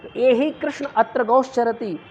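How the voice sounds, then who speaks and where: A woman's voice: a little high, measured pace, darkish tone, husky. A woman teaching Sanskrit in a classroom lecture, quizzing her students and answering her own questions, sometimes stretching sounds out to demonstrate them. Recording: muffled lo-fi with faint noise.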